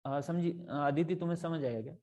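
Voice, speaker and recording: A man's voice: on the high side, fairly quick, lo-fi sound, crowd noise. A male math tutor explaining step by step in a casual tutoring lesson, often checking whether his students follow and mixing in English math terms.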